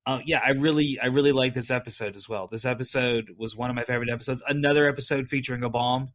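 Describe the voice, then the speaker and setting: A man's voice: medium pitch, steady tone, fast talker, a bit bright. Chatty man co-hosting a podcast. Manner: chatty, enthusiastic, many fillers and asides. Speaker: podcast co-host. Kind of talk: casual podcast chat.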